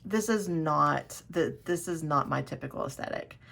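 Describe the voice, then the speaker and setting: A woman's voice: sits low, normal speed, vocal fry, a bit bright. A woman hosting her own tarot video, chatting casually and enthusiastically, often restarting her sentences as she rambles. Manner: rambling, self-correcting, enthusiastic. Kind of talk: casual chat to camera.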